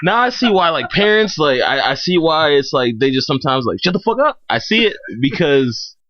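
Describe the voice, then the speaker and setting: A man's voice: fairly high pitch, moderate pace, dry recording. A young man from Cleveland with a Cleveland accent telling a funny story in casual chat, acting out what people said. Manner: animated, acts out quotes, laughs often. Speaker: guest. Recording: dull lo-fi dry sound.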